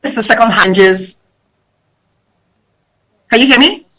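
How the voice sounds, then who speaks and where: A woman on a remote conference panel call, her voice halting and cut off as the connection breaks up. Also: a little high, fairly bright tone. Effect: call dropping out, breaking up. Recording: distant, choppy call audio.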